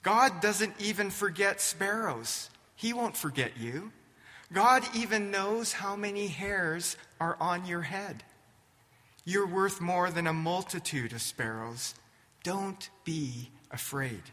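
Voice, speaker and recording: A man's voice: high-pitched, lively intonation, slow, big-room sound, pitched above the performer's own voice, heavily acted. A man voicing a compassionate male teacher who gives earnest warnings and reassurances, within a sermon. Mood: reassuring. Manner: earnest, pleading, by turns warning and gentle.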